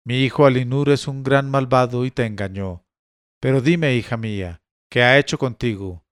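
A man's voice: medium pitch, moderate pace, clean tone, no room sound, clean studio sound, natural voice. A man reading as a worried older noblewoman.

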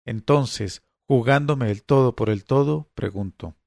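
A man's voice: medium pitch, measured pace, creaky, darkish tone, no room sound. Man reading a suspenseful story, dry. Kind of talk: literary reading of a first-person story.

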